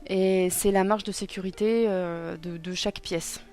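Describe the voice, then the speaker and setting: A young woman casually explaining a costume sewing project, hesitant and self-deprecating with many pauses and fillers. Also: mid-range voice, fairly even intonation, warm tone. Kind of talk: casual tutorial narration. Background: music.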